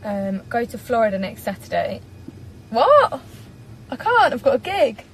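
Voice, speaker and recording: A woman's voice: fairly high pitch, very animated, unhurried, a little hiss or hum, rough recording. Bubbly English woman chatting in a car. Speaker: singer doing a live stream. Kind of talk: casual live-stream chat reading comments. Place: parked car. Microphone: phone propped up in front.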